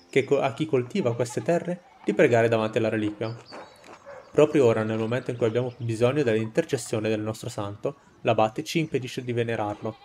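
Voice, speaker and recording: A man's voice: medium pitch, a little mellow, lightly acted. Man reading as indignant peasant leader. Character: indignant male peasant leader rousing a village crowd. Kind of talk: game dialogue read aloud.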